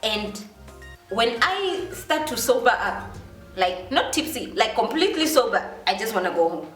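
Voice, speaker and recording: A woman's voice: fairly high pitch, big pitch swings, normal speed. A young woman from Namibia with a Namibian accent, telling a story casually with many fillers and restarts. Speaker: vlogger. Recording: roomy, distant mic, faint music.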